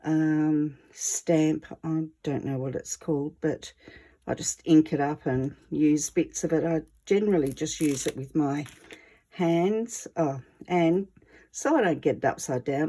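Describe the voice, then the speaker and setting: A woman's voice: sits low, warm tone. A woman with a wheezy voice, short of breath, chatting casually and easygoing as she presents a hands-on art tutorial. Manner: chatty, easygoing, self-deprecating.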